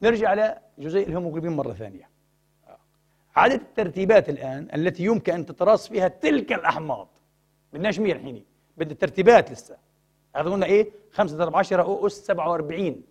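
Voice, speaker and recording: A man's voice: high-pitched, lively intonation, rapid-fire, darkish tone, breathy edge. A man giving a religious science lecture, asking rhetorical questions and prompting the audience to fill in words.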